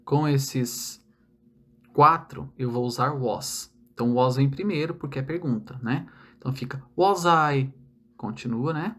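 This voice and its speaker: A man's voice: medium pitch, a little slow, a bit bright. A young Brazilian man teaching English grammar in an online lesson, explaining step by step and checking in with frequent tag questions.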